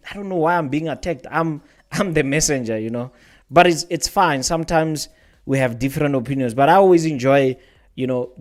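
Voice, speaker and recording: A man hosting a trading livestream, talking casually and rambling, often repeating his words while answering viewers' questions. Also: mid-range voice. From South Africa.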